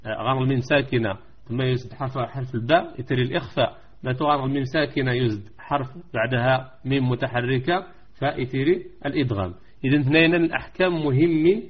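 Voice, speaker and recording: Man teaching recitation, husky. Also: mid-range voice, dull audio. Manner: repeats points slowly, chants verses. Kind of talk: live online tajweed lesson.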